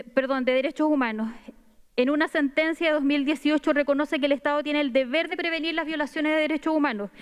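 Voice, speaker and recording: A woman delegate with a Chilean accent giving a firm, measured formal speech read from notes at a podium microphone in a large wood-paneled assembly hall. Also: high-pitched. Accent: Chilean Spanish. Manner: firm, measured, reading from paper. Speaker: convention delegate.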